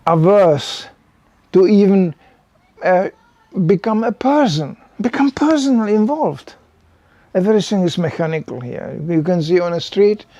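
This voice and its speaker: An older man, by birth, preaches in English to a small group in a loose, chatty way, leaning on "you know" as he goes. His voice sits a little high but sounds mellow and dark, and the recording is dry and close. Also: dry recording. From Czechoslovakia. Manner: conversational, animated, frequent "you know". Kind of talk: sermon to a small gathering.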